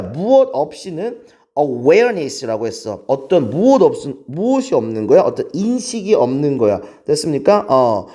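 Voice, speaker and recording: A man's voice: sits high, warm tone. A man teaching English grammar in a lecture, keeps checking in with the class through rhetorical questions.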